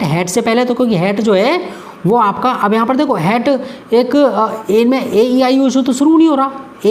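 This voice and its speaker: A woman's voice: on the high side, a little hiss or hum. Woman teaching grammar, repeating herself. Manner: repeats points and reads example sentences slowly. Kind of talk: explanatory lesson.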